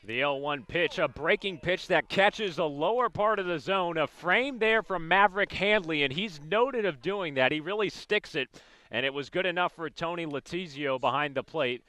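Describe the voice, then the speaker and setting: With a sharp tone and a voice on the high side, a man delivers live radio baseball play-by-play at normal speed. His calls are clipped and descriptive, following the game as it happens, and there's no room sound.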